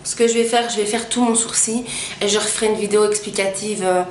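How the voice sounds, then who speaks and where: A young woman chatting her way through a makeup tutorial, pausing often with little fillers as she explains each step. Her voice bounces around a roomy, echoey space, with a faint hum of ambient noise underneath. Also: medium pitch, steady tone. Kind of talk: casual makeup tutorial narration.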